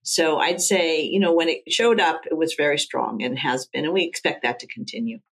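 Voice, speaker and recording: A woman's voice: low-pitched, fairly quick, poor audio. A woman who is a guest expert in a studio, answering the host in an assured, conversational way. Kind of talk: interview answers.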